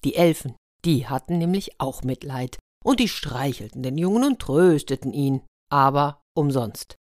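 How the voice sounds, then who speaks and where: Low-voiced woman reading a fairy tale. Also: expressive, moderate pace, darkish tone, no room sound, clean studio sound. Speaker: storyteller.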